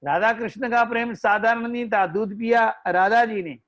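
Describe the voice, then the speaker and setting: A man giving a devotional discourse with a Hindi accent, slowly telling stories and breaking into melodic sung verses. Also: sits high, fairly even intonation, a bit bright. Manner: slow, melodic, chants verses. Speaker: religious storyteller. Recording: dull lo-fi recording.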